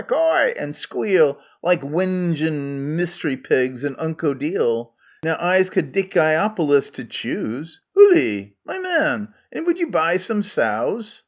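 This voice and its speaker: Putting on a broad Scottish accent, a man voices a crafty, down-at-heel older trader who wheedles, coaxes and blusters. His pitch is high and bounces with eager hawking, heard through a dull, muffled recording.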